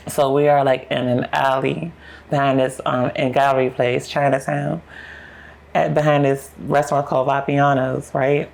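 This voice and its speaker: Gravelly young woman telling her story frankly. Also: a bass voice, little pitch movement, moderate pace, darkish tone. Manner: frank, run-on retelling with acted-out quotes. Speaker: podcast guest. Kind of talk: candid personal storytelling.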